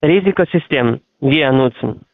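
A man with a foreign, non-native accent in German, speaking haltingly as he searches for words on a sales phone call. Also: mid-range voice, gravelly, no room sound. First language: not German. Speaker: phone sales agent for trading platform. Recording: tinny, narrow-band phone line.

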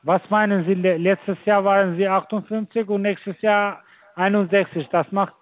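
A man on a phone scam call, talking haltingly with many fillers and broken grammar. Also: sits high, fairly even intonation, no room sound. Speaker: phone scammer. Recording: tinny phone line.

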